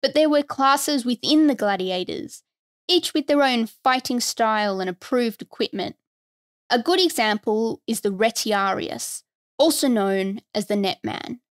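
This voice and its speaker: A woman's voice: on the high side, expressive, measured pace, no echo, studio quality. A woman hosting a history podcast, reading a scripted narration in a conversational tone with wry asides. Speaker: podcast host.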